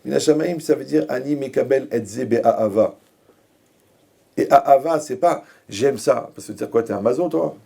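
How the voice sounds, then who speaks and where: A man's voice: medium pitch, normal speed, vocal fry, mellow, breathy edge. A man giving a Torah lecture as a rabbi, mixing jokes with rhetorical questions to his audience. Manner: joking, asks rhetorical questions.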